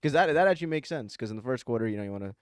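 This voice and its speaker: A man's voice: mid-range voice, expressive, rapid-fire, clear, resonant tone, dry recording, clean studio sound. A man hosting a podcast, chatting casually and teasing his guest with playful questions. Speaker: podcast host.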